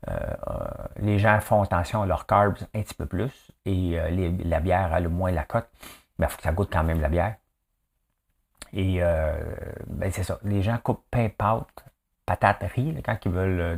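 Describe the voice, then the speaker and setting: Low-pitched and creaky, this man's voice moves at a normal speed as he hosts a laid-back daily news show from a countryside home. His accent is Québécois French, and he keeps it chatty and jokey, with frequent fillers and asides.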